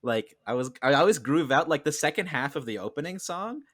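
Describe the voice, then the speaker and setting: Male podcast co-host, rambling casual talker, bright animated voice, dry close sound. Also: a little high, fairly quick, no room sound. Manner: rambling, lots of "like", breaks into goofy voices. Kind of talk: casual chat.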